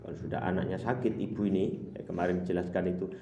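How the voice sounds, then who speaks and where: A man's voice: deep voice, quick pace, muffled recording, background noise. Man teaching a kitab. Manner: animated teaching, chanting Arabic, then glossing it. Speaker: Islamic boarding school teacher. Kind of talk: morning kitab lesson with word-by-word glosses. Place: boarding school hall. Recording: roomy hall, distant mic, faint ambience.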